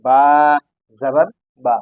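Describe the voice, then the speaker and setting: A man's voice: medium pitch, steady tone, very slow, no echo, phone-quality sound. A man teaching Quran reading, spelling out letters one by one and repeating each syllable for learners. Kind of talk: step-by-step recitation lesson.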